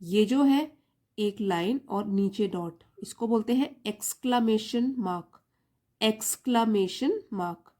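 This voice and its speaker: Mellow-voiced Indian woman teaching grammar. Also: mid-range voice, unhurried. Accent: Indian English. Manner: patient, explains step by step, repeats key terms. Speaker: English teacher. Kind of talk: Hindi-English grammar lesson.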